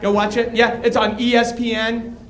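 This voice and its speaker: A man in his thirties doing a stand-up comedy set, with a loud, punchy delivery and crowd work. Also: very high-pitched, little pitch movement, normal speed. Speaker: stand-up comic. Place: comedy club stage. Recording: echoey club room. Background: audience laughter.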